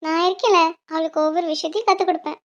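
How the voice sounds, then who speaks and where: A woman's voice: extremely high pitch, steady tone, racing, dull audio. A woman voicing a reassuring middle-aged aunt in a cartoon. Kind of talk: cartoon voice acting.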